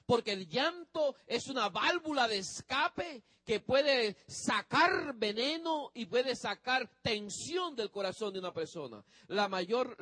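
A man's voice: extremely high pitch, fairly bright tone, dry recording. A male pastor preaching a sermon, speaking emphatically to the congregation and drawing out the ends of phrases.

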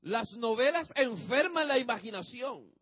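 A man's voice: very high voice, lively intonation, a little slow, fairly bright tone, husky, no room sound. A male pastor preaching a sermon, speaking emphatically to the congregation and drawing out the ends of phrases.

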